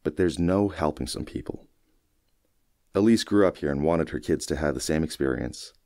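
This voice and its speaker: A man with an extremely low, dark-toned voice narrates a first-person short story in measured, folksy fashion, animated like scripted audiobook storytelling. The sound is dry and close, with no room tone or echo.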